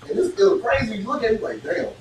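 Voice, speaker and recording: A man in his thirties hosting a casual group podcast chat, talking animatedly with slang and quick interjections. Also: sits high, wildly swooping pitch. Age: 30s. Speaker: podcast host. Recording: echoey room, mic at a distance, faint noise.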